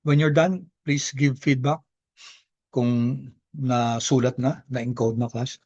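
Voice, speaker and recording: A man's voice: medium pitch, steady tone, slow, darkish tone, dry recording. Male online-class instructor, Filipino accent, informal lecture with frequent check-ins, dry and slightly muffled lo-fi audio. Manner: repeated check-in tags such as okay and no. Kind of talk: informal live coding lecture.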